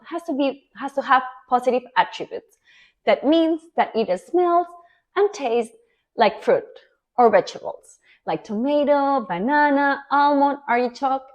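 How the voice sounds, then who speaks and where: Spanish-accented woman host in her thirties, high bright voice with a very animated swing, enthusiastic and emphatic. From Spain. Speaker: olive oil sommelier and cooking show host. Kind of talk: scripted introduction to camera.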